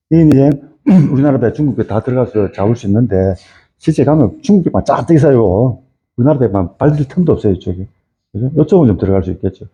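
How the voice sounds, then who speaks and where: A man's voice: fairly low pitch, warm tone. A middle-aged man giving an informal lecture on fisheries, rambling with many fillers and tag questions. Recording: tinny phone-like audio.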